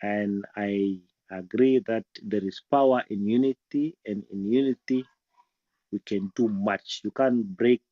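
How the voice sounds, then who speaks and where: A man talks in a halting way, stumbling through restarts and fillers as he shares thoughts in a group discussion. His voice sounds muffled and slightly dull, and it is dry and close with no room sound, as if coming through a video call. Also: on the low side, no echo. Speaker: guest speaker.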